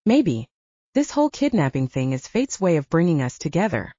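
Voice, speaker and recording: Woman voicing a teasing she-wolf heroine, flirtatious, stubborn, mellow tone, dry close recording. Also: deep voice, sing-song, moderate pace, no room sound, dull audio. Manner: teasing, playful.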